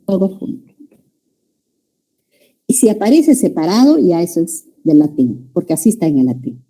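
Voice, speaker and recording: A woman's voice: on the low side, sing-song, brisk, warm tone. A woman teaching a language class, lecturing students and often checking that they follow. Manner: addresses students as "jóvenes", checks understanding with "¿ya?".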